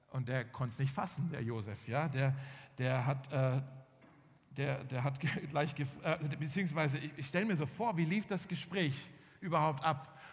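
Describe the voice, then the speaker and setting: A man's voice: on the high side, fairly bright tone. A man preaching a sermon, telling the story vividly and acting out the dialogue. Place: church hall. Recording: long hall reverb.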